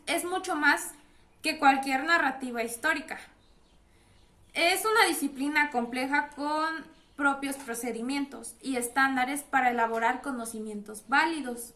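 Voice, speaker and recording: A woman's voice: high-pitched, sharp tone. A woman moderating a discussion in a formal, scripted presenting style. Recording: echoey room.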